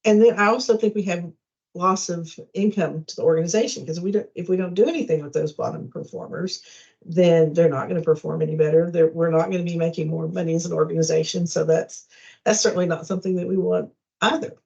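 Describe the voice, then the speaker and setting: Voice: mid-range voice, fairly even intonation, quick pace, vocal fry, darkish tone. A speaker in a casual work meeting, reflective and agreeable, thinking aloud about the issue. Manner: agreeable, reflective, many backchannels. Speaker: colleague in a work discussion. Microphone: video call. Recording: dull lo-fi meeting call.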